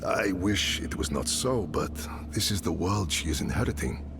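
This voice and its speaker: The game character here is a friendly, wry, fatherly mercenary leader and smith of middle age, voiced by an actor. His deep, gravelly voice is animated at normal speed, competing with heavy background noise and the game's soundtrack.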